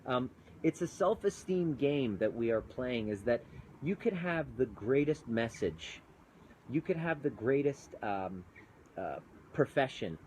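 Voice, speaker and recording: Very animated yet a little slow, this Canadian coach, once a chiropractor, speaks in a mid-range, slightly mellow voice during a casual outdoor phone live stream with mountains in view. He is earnest and chatty, greeting viewers mid-thought, and the poor audio carries slight background noise.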